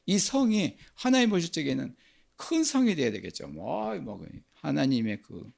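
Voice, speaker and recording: A man's voice: mid-range voice, gravelly, darkish tone. An older man preaching a sermon as pastor, asking and answering his own questions.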